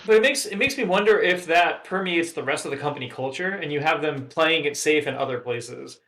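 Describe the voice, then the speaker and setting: A man co-hosting a casual video game podcast, telling animated stories and acting out customers. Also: on the high side, fairly quick, reverberant. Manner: animated storyteller, acts out customers. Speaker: podcast co-host.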